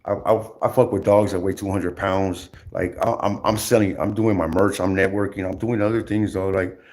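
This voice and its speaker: A man ranting casually on his livestream, rambling and repetitive, with lots of slang, swearing and halting restarts. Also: deep voice, fairly even intonation, darkish tone.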